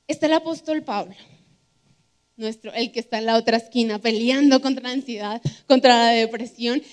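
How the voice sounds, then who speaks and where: A woman's voice: high-pitched, a little mellow. A woman preaching a sermon from a church stage, earnest and emphatic as she shares a personal testimony. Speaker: youth preacher.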